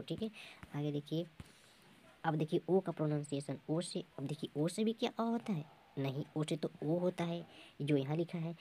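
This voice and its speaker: Male teacher, mellow tone, patient and repetitive classroom explainer. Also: a little high. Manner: patient, repetitive, often confirms with "ठीक है". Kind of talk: explaining English pronunciation to students.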